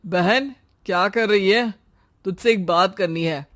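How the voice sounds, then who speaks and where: A woman's voice: medium pitch, unhurried, a bit bright, natural voice. A woman playing an earnest, trusting young brother in a moral story, speaking in a confiding way. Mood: hesitant confiding. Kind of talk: acted moral story dialogue.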